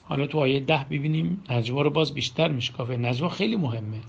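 A Quran teacher with a medium-pitched, creaky, husky voice recites verses in a commentary lesson, then explains them in plain, conversational speech. The recording is dull and lo-fi with a faint background hum.

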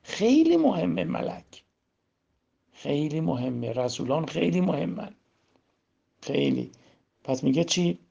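A man preaching a sermon on Quran verses, who asks and answers his own questions and swings between loud emphasis and hushed demonstration. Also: on the high side, sing-song, long pauses. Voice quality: gravelly; husky. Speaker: religious teacher. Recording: dull lo-fi recording.

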